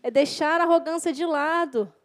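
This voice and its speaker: Female youth preacher, high voice, casual delivery, repeats lines for emphasis. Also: moderate pace. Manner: repeats key phrases, acts out quoted inner voices. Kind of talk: informal youth sermon.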